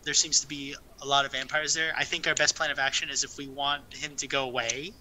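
Bright, hesitant young man player. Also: medium pitch, flat delivery, brisk, a little hiss or hum. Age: young adult. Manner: hesitant, many ums and restarts. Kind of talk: casual tabletop play.

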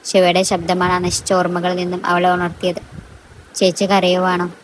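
A woman narrating a love story in an even, unhurried reading voice. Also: fairly low pitch, slight background noise, rough recording.

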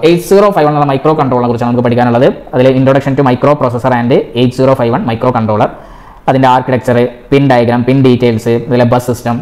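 Guy teacher rattling off syllabus topics fast, lots of "aa" fillers, mid-pitched voice. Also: darkish tone. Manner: brisk and listing, frequent "aa" fillers. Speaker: exam coaching teacher. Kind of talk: syllabus walkthrough lesson.

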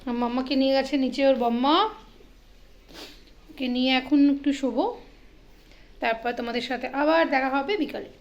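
A young woman and mother narrating her day at home in a casual vlog, chatty and often talking quietly. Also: high-pitched, steady tone, brisk, pauses often, highs cut off. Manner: chatty, often drops to a soft hushed voice. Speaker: vlogger and mother. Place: home indoors.

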